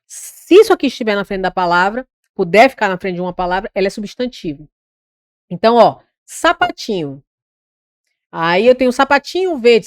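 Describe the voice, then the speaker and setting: A woman with a Brazilian Portuguese accent giving an exam-prep grammar lesson. She corrects herself aloud and sounds out words slowly. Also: mid-range voice, no room sound, clean studio sound. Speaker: teacher.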